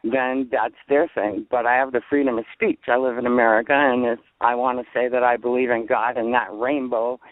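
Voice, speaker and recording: A man's voice: medium pitch, flat delivery, fairly quick, few pauses, no echo. A man calling in to a radio show, talking earnestly and bluntly about standing his ground. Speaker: caller. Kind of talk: call-in radio talk. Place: outdoors in a parking lot. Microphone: phone. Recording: tinny phone line.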